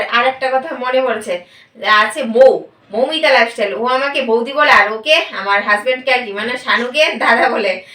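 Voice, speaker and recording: A woman's voice: on the high side, bright, forceful tone. A woman from Tripura in India, greeting and chatting with viewers in a friendly way in a home vlog. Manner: friendly, addresses viewers directly. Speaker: vlogger. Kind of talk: casual vlog chat. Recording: echoey room, mic at a distance.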